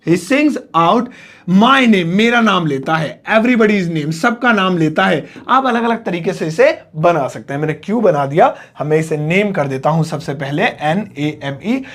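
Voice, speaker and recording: A man with a Hindi accent, pitched high, teaching a spoken English class. He explains each phrase step by step and stretches the English words out slowly so learners can follow. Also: animated, fairly bright tone.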